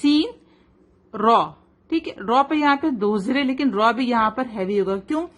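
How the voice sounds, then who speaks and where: A woman teaching a child Quran recitation rules, switching between Urdu and English, stretching words out slowly to model them and quizzing with "right?" and "fine". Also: a little high, lively intonation. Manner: asks quiz questions and checks with "right?" and "fine". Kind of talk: tajweed lesson for a child, mixing Urdu and English.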